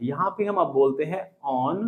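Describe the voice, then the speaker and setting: A man's voice: fairly high pitch, normal speed, narrow, tinny audio, a crowd in the background. A man teaching a spoken English class in a classroom, drilling students by asking them to repeat phrases. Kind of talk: classroom lesson in Hindi and English.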